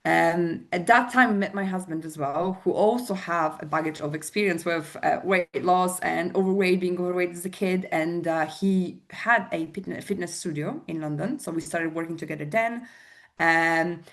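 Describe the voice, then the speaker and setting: A woman's voice: fairly low pitch, normal speed. A woman from Poland with a Polish accent, a fitness coach answering interview questions earnestly, with many fillers and restarts.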